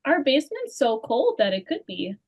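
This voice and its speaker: A woman's voice: high voice, big pitch swings, moderate pace. A woman co-hosting a casual racing podcast, making dry, wry remarks. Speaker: podcast co-host.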